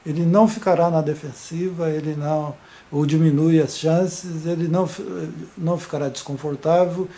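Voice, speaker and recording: A man gives an informal video lesson in a somewhat high, mellow voice. He talks hesitantly, often stumbling over repeated fillers and restarting his phrases.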